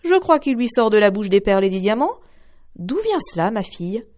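A woman voicing a harsh, scheming mother who speaks in a sharp, commanding tone. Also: mid-range voice, very animated, a little fast. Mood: demanding.

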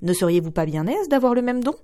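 A woman voicing a harsh, scheming mother who speaks in a sharp, commanding tone. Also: a little high, very animated, fast talker, pitched above the performer's own voice. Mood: demanding.

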